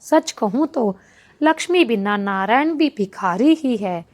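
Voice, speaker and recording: Woman voicing a soft, humble divine younger brother. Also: on the high side, lively intonation, takes it slowly. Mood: regretful.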